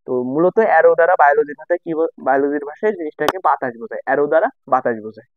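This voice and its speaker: Speaking at a racing pace, this young tutor from Bangladesh runs a casual lesson, restating and rewording every point for his students. His pitch is fairly high. The recording sounds dry and tinny, as if from a phone, with a little hiss or hum underneath.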